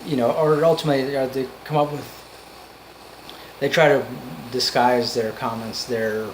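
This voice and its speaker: A man giving an off-the-cuff motivational monologue, earnest and emphatic, in halting phrases that repeat for emphasis. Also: medium pitch, steady tone, slight background noise, low-quality recording. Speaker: amateur motivational speaker.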